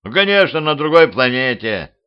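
A man voicing a distraught man back from the dead who shouts in despair. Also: medium pitch, very animated, moderate pace, clear, resonant tone, voice pushed up, natural voice. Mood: cursing. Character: distraught male revenant, despairing. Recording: dull lo-fi home recording.

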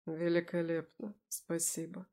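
A woman's voice: lowish voice, level tone, a little slow, warm tone, lightly acted. A woman voicing an injured male werewolf who is sulky and clingy and speaks in a plaintive, pleading way.

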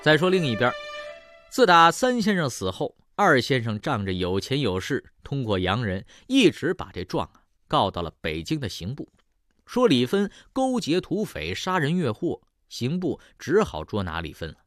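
A man's voice: mid-range voice, huge pitch swings, moderate pace, fairly bright tone, no echo, studio quality, soft background music. A man narrating a traditional tale in a dramatic style, voice rising and falling with the action. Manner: dramatic, swelling rises and falls. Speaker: storyteller. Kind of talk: traditional Chinese storytelling narration.

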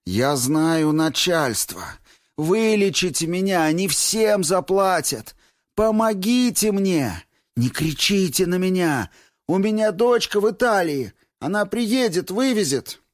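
A man's voice: sits high, animated, takes it slowly, dry recording, clean studio sound, voice pushed up. A man voicing a frightened elderly woman patient, pleading and indignant, in a story reading. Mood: pleading shrill.

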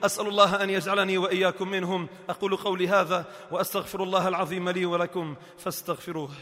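A man with a Levantine Arabic accent giving a Friday sermon in a mosque, swinging from soft talk to shouting. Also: high-pitched, little pitch movement, rapid-fire. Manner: impassioned, swings between soft talk and shouting, chants scripture verses. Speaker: Friday preacher. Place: mosque prayer hall. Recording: long reverb of a large hall.

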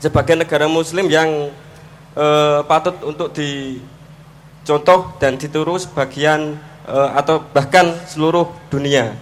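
Slow, halting man with fillers. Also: fairly high pitch, fairly even intonation, a little hiss or hum. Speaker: speaker at a forum. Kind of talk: casual humorous speech.

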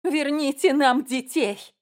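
A woman reading an audiobook, voicing a distraught middle-aged mother who shouts and sobs. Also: slow pace. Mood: sobbing, shouting. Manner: shrill, tearful shouting.

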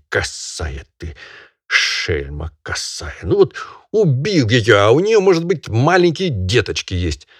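A pompous country gentleman, voiced by a man reading aloud scolds and moralizes in a slow, drawn-out tone. His pitch swings widely as he preaches, and the sound is dry and close for a storybook reading. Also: no room sound, exaggerated voice. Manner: sanctimonious, drawn-out lecturing.

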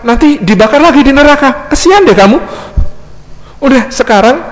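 A man's voice: fairly high pitch, fairly quick, natural voice. A man voicing a sly male devil who coaxes and mock-pities his victim, with a long hall reverb. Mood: mock-pitying. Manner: coaxing, wheedling, mock-pitying.

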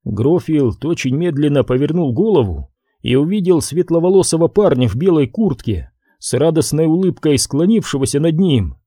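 A man reading a crime novel aloud as an audiobook, in a measured, expressive narration. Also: on the high side, no room sound, studio quality. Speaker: audiobook reader. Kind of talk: scripted narration.

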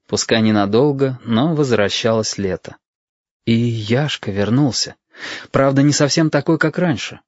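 A man narrating a children's story in a measured, expressive way. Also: mid-range voice, no room sound. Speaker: audiobook narrator. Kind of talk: scripted narration. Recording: dull, dry lo-fi audio.

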